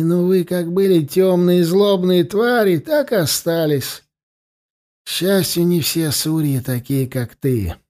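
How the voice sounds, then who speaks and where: A stern, icy priest and torturer, voiced by a man, self-righteous to the core. His voice sits slightly raised and crisp in its coldness. He speaks slowly and deliberately, as in an audiobook. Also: sits high, darkish tone, voice pushed up. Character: stern, cold-hearted male priest and torturer. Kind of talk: audiobook character voice.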